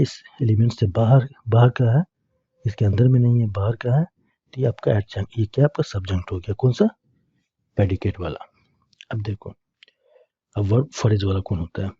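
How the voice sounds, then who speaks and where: A man's voice: fairly low pitch, dark tone, breathy edge, dry recording, highs cut off. A man teaching English grammar, explaining it step by step and answering his own questions to the class. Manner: repeats questions to students and answers them himself.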